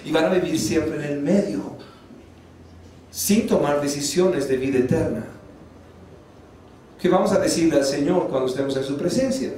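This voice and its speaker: A man preaching a sermon as pastor, lively, asking the congregation questions and acting out little scenes. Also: on the high side, normal speed, long pauses, a little hiss or hum. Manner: lively preaching with acted-out voices and rhetorical questions. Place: church. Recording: echoey church hall, distant mic.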